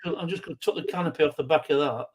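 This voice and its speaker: A man's voice: on the high side, very fast, breathy edge. A man with a South Derbyshire, East Midlands accent, chatting casually in an informal, matey way. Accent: South Derbyshire, East Midlands English. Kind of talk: casual chat.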